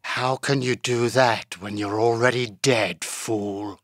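A man's voice: medium pitch, steady tone, slow pace, no echo, clean studio sound. A man voicing a hissing, icy sable killer. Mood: icy menace. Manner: quiet, icy, hissing menace. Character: cold, deadly male sable assassin, tall and lean.

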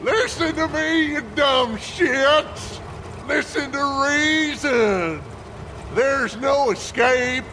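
A man doing a high, menacing bandit chief. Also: very slow, pushed and bright, slight background noise, exaggerated voice. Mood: bullying. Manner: bullying, profane, menacing. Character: ruthless male bandit leader shouting threats.

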